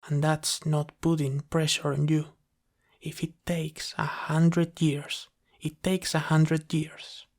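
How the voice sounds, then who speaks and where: A man with a voice on the high side plays a gentle, caring sleep paralysis demon in an ASMR roleplay, speaking softly and reassuringly to soothe his human.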